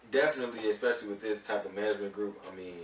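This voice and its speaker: A man who manages music artists, talking in a rambling, relaxed way full of fillers during a casual radio interview. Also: lowish voice, very fast. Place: radio studio. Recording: roomy distant mic with faint noise.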